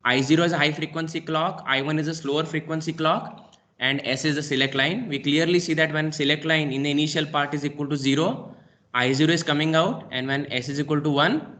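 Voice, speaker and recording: A man with an Indian English accent, a lecturer walking through a software lab demonstration step by step and saying "okay" often. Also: a little high, fairly even intonation, brisk. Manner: talks through each click step by step, frequent "okay". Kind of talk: screen-recorded software lab demo.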